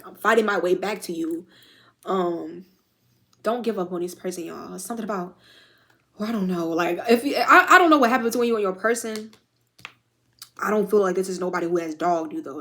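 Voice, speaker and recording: Fast-talking woman reading tarot. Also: fairly low pitch. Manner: chatty, slangy and profane, addresses viewers directly. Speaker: tarot reader. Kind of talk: casual spiritual reading.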